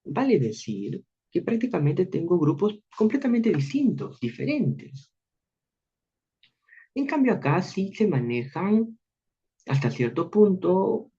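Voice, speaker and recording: Husky, lively man lecturing. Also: mid-range voice, highs cut off. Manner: explains patiently, slows down to read verse lines with heavy stress. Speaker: literature lecturer. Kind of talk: online university lecture. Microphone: video call.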